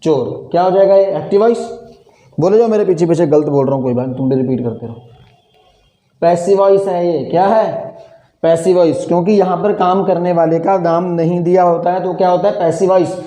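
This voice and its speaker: A man's voice: sits high, a little fast, warm tone, echoey room. A male English grammar teacher, lecturing classroom-style, drilling students with repeated questions.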